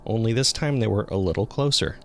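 A man lightly acts the part of a local jogger recounting his eerie discovery in the woods, told as scripted first-person horror. The voice is very deep with heavy creak, paced in a measured, suspenseful, uneasy way. Ambient sound effects play, along with a little hiss or hum.

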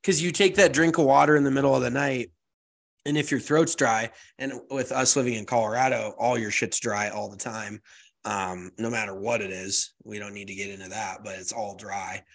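A man's voice: fairly low pitch, steady tone, moderate pace, creaky. An American man with a stuffy, congested nose in a casual, slangy podcast chat, swearing freely. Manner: profane, slangy. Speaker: podcast co-host.

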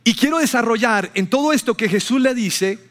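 The pastor's voice is extremely high, animated, fairly quick, and fairly bright. Delivering a sermon to a church congregation, he tells stories and brings quoted people to life, his voice rising.

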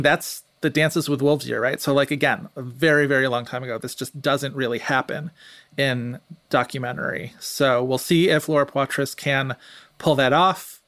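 A man's voice: medium pitch, a bit bright, dry recording. A man talking casually and analytically as a podcast panelist, discursive and often interrupting himself. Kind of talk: casual analytical film-awards chat.

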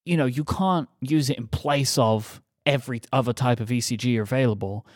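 A man's voice: mid-range voice, no room sound, clean studio sound. A man co-hosting a podcast, chatting casually and animatedly, stretching words for emphasis. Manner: conversational, animated, drawn-out emphasis. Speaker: podcast co-host. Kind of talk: casual tech podcast chat.

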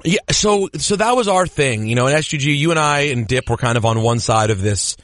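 A man hosting a podcast, talking in an animated, opinionated way in casual chat. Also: mid-range voice, fairly quick, dry recording. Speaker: podcast host.

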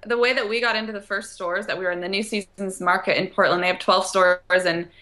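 A woman's voice: mid-range voice, steady tone, quick pace, pushed and bright. A young adult woman, a company co-founder, talking confidently and enthusiastically as a guest in a casual interview.

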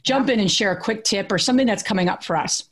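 Animated woman podcast co-host. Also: mid-range voice, quick pace. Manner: animated storyteller, many fillers and restarts. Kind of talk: casual podcast chat.

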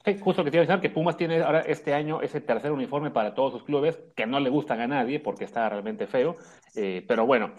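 A man on a football panel, chatting quickly and agreeing with the others. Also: medium pitch, muffled recording. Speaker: sports panelist. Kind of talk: casual sports chat.

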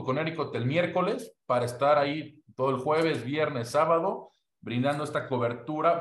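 A man, a sports reporter talking in an informative, talkative way. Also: mid-range voice. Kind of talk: casual sports talk. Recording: roomy echo.

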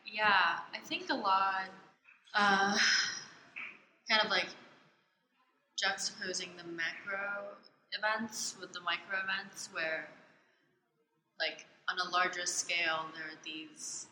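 A woman from Hong Kong, answering interview questions thoughtfully, with many pauses and fillers. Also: medium pitch, sharp tone, slight background noise. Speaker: interviewee, art student. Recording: echoey space with faint ambience.

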